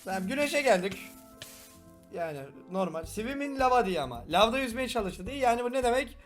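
A young man with a regional Turkish dialect, joking and fast-talking as he reacts to a game. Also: extremely high pitch, lively intonation, soft background music. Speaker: gaming video host. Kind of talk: casual reaction commentary.

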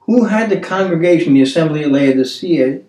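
A man in his seventies hosting a casual Bible discussion, earnest and storytelling, with halting restarts. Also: a little high, animated, warm tone. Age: 70s. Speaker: Bible study host. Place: dining room table, indoors. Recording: roomy, distant mic.

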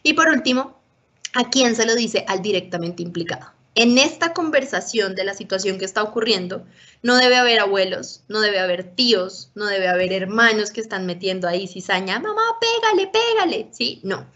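Speaking at medium pitch and a moderate pace, a woman with a bright, forward voice instructs a room of parents at a workshop. Her explanations go one step at a time, and she often pauses to make sure listeners are following. Sound quality is lo-fi and dull.

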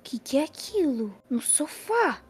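A woman playing a stern but soft-hearted mother in a Roblox role-play story, scolding quickly and exclaiming. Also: sits high, very animated. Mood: alarmed.

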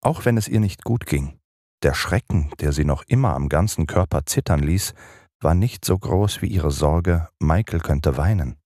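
A man narrating a children's audiobook in an expressive storytelling manner. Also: rumbling low, normal speed, no echo, studio quality.

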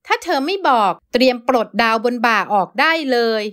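A woman's voice: a little high, very animated, moderate pace, fairly bright tone, smooth. A woman reading the part of an imperious, scornful elderly aristocratic woman in an audiobook, giving orders with contempt. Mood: haughty scorn.

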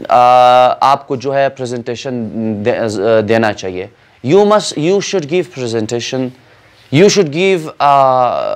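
Slow, deliberate male teacher. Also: medium pitch. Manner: slow, deliberate, drawn-out English example sentences; often checks understanding with the viewers. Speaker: English teacher. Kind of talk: grammar lesson.

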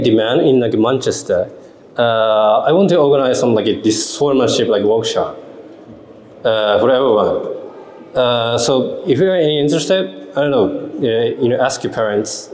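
A man in his thirties from Japan, with a Japanese accent, giving a casual, halting talk to a young audience with many fillers and questions. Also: medium pitch, a little mellow, a little hiss or hum. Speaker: lecturer and festival speaker. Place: large hall, indoors. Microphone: stand microphone. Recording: roomy hall echo.

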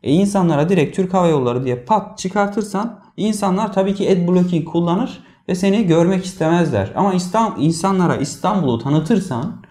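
A man's voice: high voice, expressive, fairly quick, hardly any pauses, dark tone. A man co-hosting a casual marketing podcast, explaining numbers and quizzing his partner. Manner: quizzing, explanatory, fond of figures. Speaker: podcast co-host.

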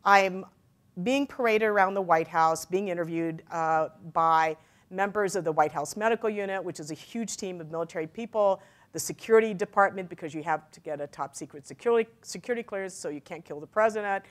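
Woman telling a lively keynote story. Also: on the low side, brisk. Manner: animated storyteller, acts out quoted voices. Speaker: keynote speaker. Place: conference stage.

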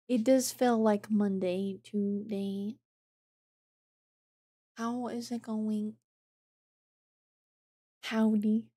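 Woman streamer chatting loosely with viewers; slightly high, giggly, very dry close-miked sound. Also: steady tone, very slow, long pauses, mellow, no room sound. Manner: rambling and chatty, with lots of filler words; laughs often between phrases. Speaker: game streamer. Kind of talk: casual chat with stream viewers.

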